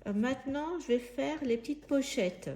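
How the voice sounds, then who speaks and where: A woman giving a casual step-by-step craft demonstration, thinking aloud in halting, searching phrases as she works. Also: sits high, darkish tone, a little hiss or hum. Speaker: craft tutorial presenter.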